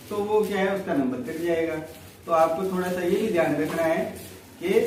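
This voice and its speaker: A man talking to children about how their speeches are judged, explaining slowly and asking the children questions as he goes. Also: sits high, background noise. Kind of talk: teaching talk to children. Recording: very echoey hall, from far off.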